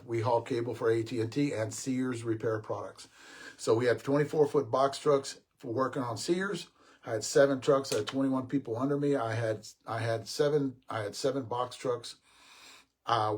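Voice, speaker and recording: A man's voice: mid-range voice, slightly rough. An older man hosting a casual live stream, telling a long rambling story with restarts and talking to his viewers as guys. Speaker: host.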